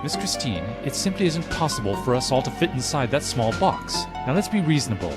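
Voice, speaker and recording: Brusque, animated naval lieutenant, played by a man. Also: medium pitch, brisk, loud music behind the voice, close to an everyday voice. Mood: brisk, commanding. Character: brusque, skeptical male naval lieutenant, short-tempered. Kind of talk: audio drama acting.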